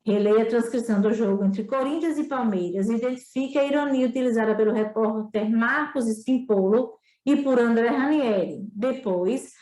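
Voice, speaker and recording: A woman's voice: a little high, normal speed, hardly any pauses, a little mellow, reverberant. A woman teacher with a northeastern Brazilian accent, explaining a remote school lesson with frequent tag questions. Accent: Brazilian Portuguese, northeastern.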